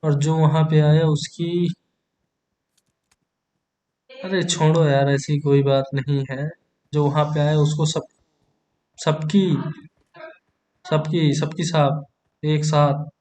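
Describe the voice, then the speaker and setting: A man's voice: fairly high pitch, little pitch movement, takes it slowly, pauses often, dark tone. Joking young man narrating gameplay. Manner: joking storyteller, crude banter with teammates. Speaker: gaming YouTuber. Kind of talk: comedic gameplay commentary.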